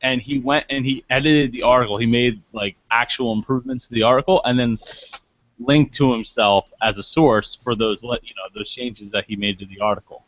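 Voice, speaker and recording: A man's voice: mid-range voice, steady tone, a little fast, a bit bright. A man hosts a casual group discussion over an online call and rambles through his points with restarts. His voice sits mid-range, and the call audio is dull and lo-fi. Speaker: podcast host. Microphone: online call microphone.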